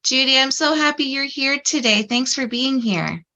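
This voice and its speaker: Bright-voiced woman podcast host. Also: high-pitched, normal speed. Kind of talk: podcast interview.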